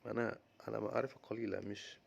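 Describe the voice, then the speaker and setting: An Egyptian man with an Egyptian accent teaches English words. He says each term slowly, then explains it quickly in Arabic. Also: lowish voice, level tone, vocal fry, slightly rough. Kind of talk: vocabulary lesson mixing English and Arabic.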